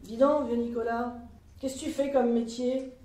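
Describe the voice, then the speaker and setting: A woman's voice: fairly high pitch, level tone, normal speed, dark tone, natural voice. A woman storyteller voicing a tired, indignant old soldier with a blunt, folksy way of talking. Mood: gruff. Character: weary grumbling old male soldier. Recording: roomy live room, mic at a distance.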